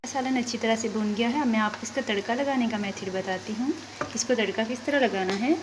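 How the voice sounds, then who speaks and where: A woman's voice: on the high side, brisk, background noise. A woman with a Pakistani Urdu accent hosting a cooking channel, politely talking through a recipe step by step in a kitchen. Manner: polite, methodical, lists quantities step by step. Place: kitchen at the stove. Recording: frying and sizzling behind the voice. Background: sizzling oil and stirring.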